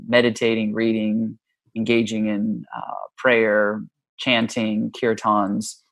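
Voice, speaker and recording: A man from Hawaii, a yoga teacher and author, telling stories about his upbringing in an easygoing, unhurried way with frequent ums. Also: fairly low pitch, a bit bright, dry recording. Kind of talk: relaxed conversational storytelling.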